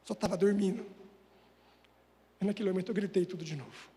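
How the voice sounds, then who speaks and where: A man with an unusually high voice gives a religious talk at a Spiritist center, mixing personal storytelling with direct questions to his listeners. His delivery is emotional and conversational. Long reverb from the hall trails his words. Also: a little fast, dark tone. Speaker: Spiritist lecturer.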